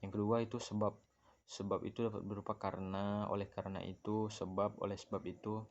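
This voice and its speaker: A man's voice: on the low side, flat delivery, a little fast, dull audio. A young man, a student, reads a grammar lesson aloud from his notes, with small stumbles and self-corrections. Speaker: student presenting a class assignment.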